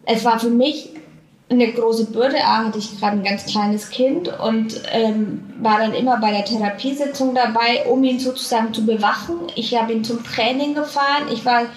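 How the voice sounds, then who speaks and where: A woman telling a personal story in conversation, halting and reflective, often searching for words. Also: on the high side. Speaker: interview guest. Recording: echoey room with faint noise.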